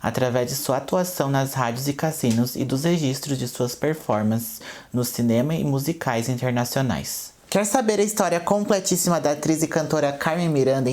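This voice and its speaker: A man's voice: fairly high pitch, a little mellow. Brazilian male channel host, chatty biography storyteller, drifts between scripted reading and off-the-cuff retelling with filler sounds. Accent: Brazilian Portuguese. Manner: chatty, mixes read passages with loose retelling and "é" fillers. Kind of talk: casual educational storytelling.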